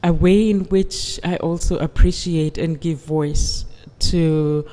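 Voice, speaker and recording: A reflective guest artist from the UK speaks slowly and thoughtfully, weighing each phrase. The tone is mellow and dark. The voice carries a long, hall-like reverb. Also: mid-range voice, steady tone. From United Kingdom. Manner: slow, measured, reflective. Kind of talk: interview conversation.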